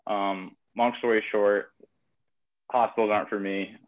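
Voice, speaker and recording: Young guy rambling thru a story, lots of "like", kinda low voice, sounds like a phone line. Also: flat delivery, unhurried. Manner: rambling, lots of fillers and 'like'. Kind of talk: casual storytelling chat. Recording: tinny phone-like audio.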